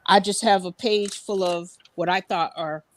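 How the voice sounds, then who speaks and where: A woman's voice: mid-range voice, fairly even intonation, normal speed. A woman speaking as a panelist in a casual discussion, with an emphatic, plain-spoken way of talking.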